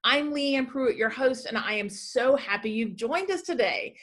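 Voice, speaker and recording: A woman's voice: on the high side, expressive, a little slow, a bit bright. A woman hosting an interview podcast, upbeat and enthusiastic, often restarting her questions. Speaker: podcast host. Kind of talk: casual interview chat.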